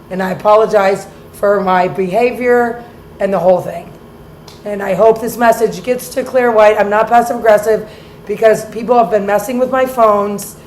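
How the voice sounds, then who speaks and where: A woman leaving a long, halting, apologetic voicemail, heard over a landline phone. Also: medium pitch, darkish tone, roomy sound, a little hiss or hum, poor audio. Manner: halting, repeats herself, earnest and apologetic. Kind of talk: rambling voicemail message.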